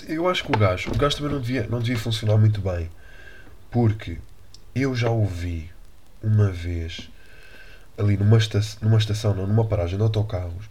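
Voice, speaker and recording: A young man with a European Portuguese accent and a somewhat low voice tells a story in a casual, animated way. He swears freely and often breaks off to restart his sentences, like a podcast host chatting loosely. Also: noisy background.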